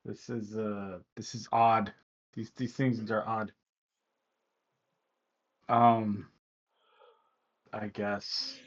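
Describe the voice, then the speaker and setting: A man's voice: fairly low pitch, drawn-out words, long pauses. A man playing a tabletop game, hesitant with many fillers, over dull lo-fi online audio. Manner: hesitant, animated. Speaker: player.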